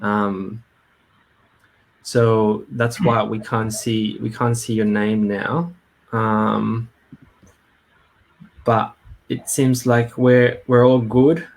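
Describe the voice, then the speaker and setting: A man's voice: lowish voice, flat delivery, very slow, gravelly, pauses often, darkish tone. A man hosting a live webinar in a casual, hesitant way, with many fillers and restarts. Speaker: webinar host. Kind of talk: casual live-stream talk. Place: Brisbane.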